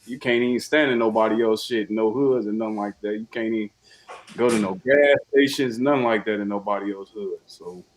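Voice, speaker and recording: A man's voice: lowish voice, brisk, a little hiss or hum. A young man from Chicago's South Side with a Chicago accent, chatting casually and profanely as a podcast guest. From Chicago, USA. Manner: laid-back, profane, repeats himself. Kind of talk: casual chat.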